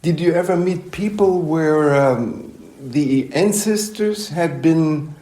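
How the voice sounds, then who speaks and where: Slow talking guy hosting a podcast, warm dark voice, roomy echo. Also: a little high. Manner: measured, polite questions. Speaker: podcast host. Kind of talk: interview hosting. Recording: echoey room.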